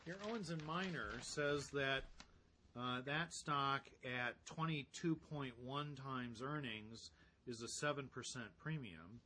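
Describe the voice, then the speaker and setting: Measured man thinking aloud over stock figures. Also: mid-range voice, bright, forceful tone. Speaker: value-investing co-host. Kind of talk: casual financial talk show banter.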